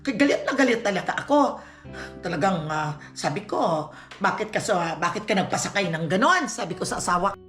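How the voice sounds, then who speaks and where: A middle-aged woman from the Philippines, a vlogger telling a personal story in an animated way, acting out the dialogue. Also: mid-range voice, brisk. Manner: animated, acts out quoted dialogue, laughs often. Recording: roomy echo with faint music.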